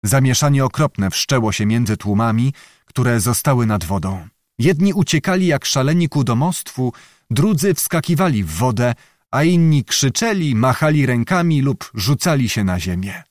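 A man reads a historical novel aloud in an expressive, dramatic audiobook style. His pitch moves a lot through each sentence, and the recording is dry and close with no room sound. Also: moderate pace, dry recording.

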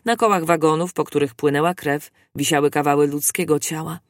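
An audiobook reader giving a steady, scripted narration of a classic adventure novel. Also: medium pitch, a little fast, no echo.

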